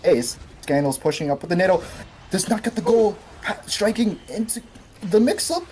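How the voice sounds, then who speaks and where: A woman casting an esports match live, excitable and animated, often laughing between plays. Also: medium pitch, moderate pace, a little hiss or hum. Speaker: esports caster. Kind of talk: live play-by-play commentary.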